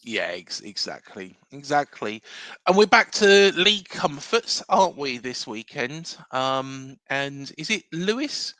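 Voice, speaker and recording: A man's voice: mid-range voice, very animated, takes it slowly, sharp tone, no echo. An English man hosting a casual football fan livestream, rambling with lots of fillers and reading out viewer comments. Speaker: football podcast host.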